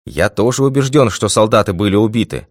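A man reading a puzzled army doctor, low voice. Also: expressive, brisk, dry recording, studio quality.

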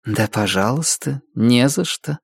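A strange, otherworldly woman stepped out of a painting speaks with cool, measured command, voiced by a man reading the story. When she breaks, her voice rises into shrill, inhuman shrieking. The recording is close and dry, with no room around it. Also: expressive, vocal fry, husky, dry recording, exaggerated voice. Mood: restrained.

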